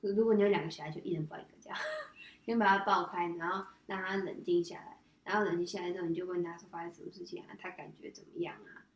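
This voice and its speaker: A woman's voice: fairly low pitch, fairly even intonation, fast talker. Woman guest heard from off-mic in a roomy space. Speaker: guest, the host's daughter. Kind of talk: casual chat. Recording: roomy, distant, slightly dull sound.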